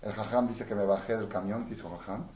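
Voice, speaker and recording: A man teaching a Torah class as a rabbi. He swings between soft asides and loud, emphatic rhetorical questions. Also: on the low side, fairly even intonation, a little fast. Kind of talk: Torah lecture. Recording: roomy with faint noise.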